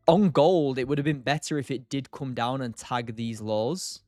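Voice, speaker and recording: A man's voice: mid-range voice, a little slow, a little mellow, dry recording, clean studio sound, soft background music. A tired man hosting a live stream, thinking aloud and answering chat in a loose, casual way. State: tired, short on sleep. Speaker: streamer, day trader.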